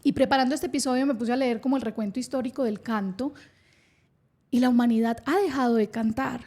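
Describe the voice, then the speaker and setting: A woman's voice: on the high side, steady tone, fairly quick, warm tone. A woman hosting a science podcast, explaining with enthusiasm and an occasional laugh. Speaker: podcast host.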